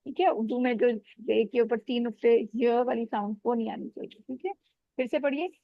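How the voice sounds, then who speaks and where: A woman teaching Quran recitation rules in an online class, patiently correcting students and modelling sounds slowly. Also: a little high, no echo, lo-fi sound.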